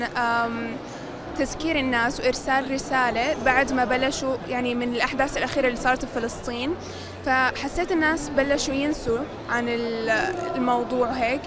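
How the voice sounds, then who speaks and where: A nineteen-year-old woman from Damascus with a Damascene Syrian accent, an earnest young painter describing her work in an interview. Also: sits high. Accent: Damascene Syrian Arabic. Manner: youthful, earnest, some hesitations. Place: busy indoor exhibition hall. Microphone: handheld interviewer mic. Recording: crowd chatter behind.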